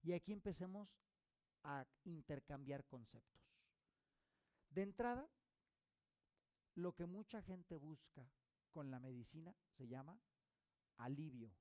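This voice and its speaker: A man delivers a course lesson in a gravelly, mellow voice pitched a little high. He explains ideas by posing rhetorical questions and checking in with his listeners. The sound is dry and close. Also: expressive, slow pace, pauses often, no room sound. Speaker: holistic therapy instructor. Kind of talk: recorded course lecture.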